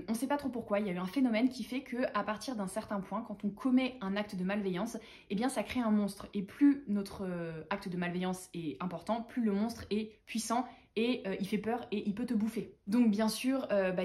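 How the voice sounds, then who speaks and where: A woman's voice: mid-range voice, a little mellow. A woman chatting enthusiastically as a book vlogger, talking through her monthly reads and haul. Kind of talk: casual book haul chat.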